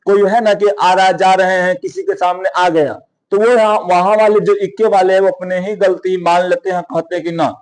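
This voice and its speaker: A man's voice: sits high, fairly even intonation, moderate pace, darkish tone. A young man, explaining a story to students in a conversational way, often repeating and rephrasing. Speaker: teacher.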